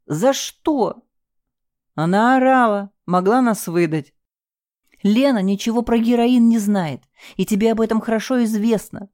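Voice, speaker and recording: A woman's voice: fairly high pitch, a little slow, darkish tone, no echo, clean studio sound, pitched above the performer's own voice, close to an everyday voice. Brief: nervous stammering husband, panicky, read by a woman narrator. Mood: anxious. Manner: stammering, whining. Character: timid panicking middle-aged husband.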